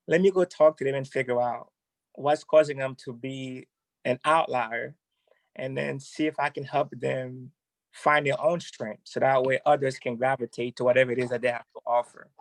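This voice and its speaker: A man's voice: medium pitch, dry recording, low-quality recording. A man from Haiti, an educator being interviewed, who talks hesitantly with many ums.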